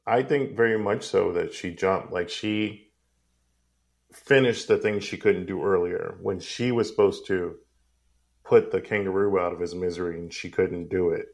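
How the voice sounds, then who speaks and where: Rambling low-voiced man. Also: fairly even intonation, normal speed, creaky. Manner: rambling, goes off on tangents. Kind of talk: casual film discussion.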